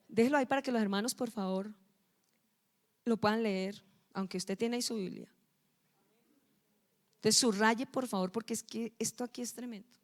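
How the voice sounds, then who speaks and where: A woman's voice: fairly high pitch, a bit bright. A middle-aged woman pastor, preaching a sermon and firing questions at the congregation, scolding them at times. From Colombia.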